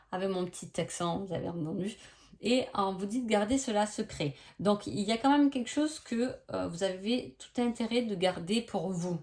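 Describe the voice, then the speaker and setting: A woman's voice: lowish voice, a little mellow. Woman doing a laid-back card reading by star sign, hesitant and chatty, keeps asking if you get what she means. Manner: chatty, many hesitations and tag questions. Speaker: oracle card reader. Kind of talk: casual astrology reading by sign.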